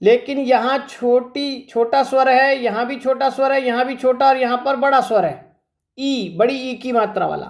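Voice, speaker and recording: A man's voice: very high-pitched, moderate pace. Male teacher quizzing with rhetorical questions. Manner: explains step by step, asking rhetorical questions. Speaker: Hindi teacher. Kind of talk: exam-prep grammar lesson.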